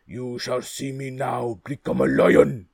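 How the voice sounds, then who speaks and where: A man voicing a big, boastful male ogre who answers briskly and proudly, booming out his lines. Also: steady tone, vocal fry, slightly rough, dry recording, full character voice. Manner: booming, shouted.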